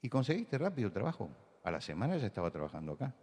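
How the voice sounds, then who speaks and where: Older male pastor, Rioplatense accent, low voice, storytelling sermon, long hall reverb. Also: very animated, racing, a little mellow. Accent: Rioplatense Spanish. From Buenos Aires, Argentina. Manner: storytelling, conversational, rising to emphatic. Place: large church hall.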